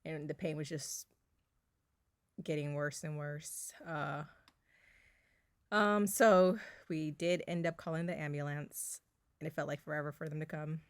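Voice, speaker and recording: A woman's voice: low voice, fairly even intonation, measured pace, pauses often, clear, resonant tone, no echo. A woman in her thirties chatting casually about a personal experience as a vlogger, filling her talk with fillers and little laughs, recorded in her bedroom at home. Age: 30s.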